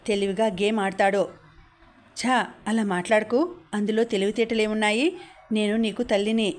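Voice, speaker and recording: Woman reading a novel aloud. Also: mid-range voice. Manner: steady storytelling, plain voice for all characters. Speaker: audiobook narrator. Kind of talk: novel reading with dialogue voiced.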